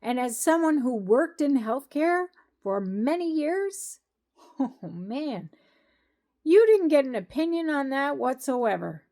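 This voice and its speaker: A middle-aged woman from Canada delivers a heated political rant straight to camera. Her voice sits a little high, and she speaks slowly and deliberately, hammering her points with exasperated repetition and the occasional wry laugh. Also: very animated, dark tone. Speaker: political vlogger.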